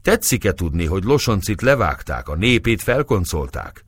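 A man voicing a blunt, big-jawed common soldier who talks in a slow rustic drawl and keeps asking mocking questions. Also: low voice, big pitch swings, breathy edge, dry recording, exaggerated voice. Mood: drawling, taunting.

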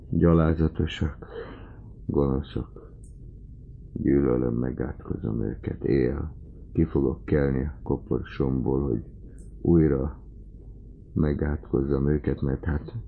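A man voicing a dying old father in an audiobook, swinging between desperate shouts and faint whispers. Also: a bass voice, creaky, narrow, tinny audio, a little hiss or hum. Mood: bitter, broken. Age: older. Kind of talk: audiobook character reading.

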